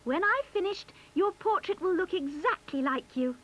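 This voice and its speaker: A cheerful young strawberry artist in a children's cartoon, brisk and friendly. Her voice is very high and swoops a lot as she talks. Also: animated, music in the background, rough recording. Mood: reassuring.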